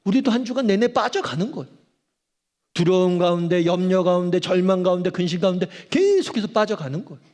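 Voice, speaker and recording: A man preaching a Sunday sermon with an emphatic delivery, firing questions at the congregation to drive his point home. His voice sits a bit high for a man and rings with the long reverb of a large hall. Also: lively intonation, brisk, a little mellow. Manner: emphatic preaching, asks the congregation questions and acts out cries to God. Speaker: pastor. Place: church auditorium.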